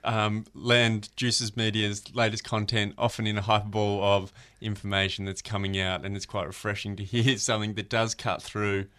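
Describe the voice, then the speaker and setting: A man hosting a radio interview, measured and a little hesitant. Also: on the low side, little pitch movement, sharp tone, clear, resonant tone. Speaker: radio host.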